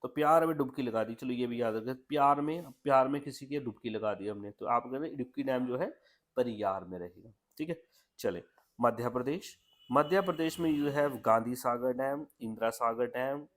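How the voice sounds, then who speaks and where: Chatty male exam coach. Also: mid-range voice. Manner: chatty, repeats "ठीक है" often. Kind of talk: Hindi-English mnemonic lesson.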